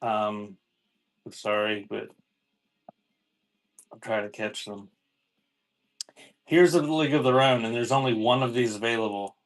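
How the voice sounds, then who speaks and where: Selling cassette tapes at a live online auction, a man delivers casual, improvised patter as he announces each item. He talks unhurriedly in a fairly low voice, pausing often, on a rough recording.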